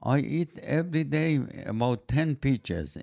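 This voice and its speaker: An older man, not a native English speaker, chatting on a podcast in halting, broken English with many fillers. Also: mid-range voice, lively intonation, creaky, darkish tone, no echo, studio quality. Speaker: podcast guest, host's father. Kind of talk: casual chat.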